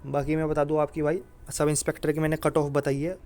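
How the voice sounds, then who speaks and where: In a quick, monotone voice that sits on the high side and sounds a little mellow, a man coaches listeners informally about exams. He repeats his points with emphasis, offering reassurance and frequently addressing his audience with filler remarks.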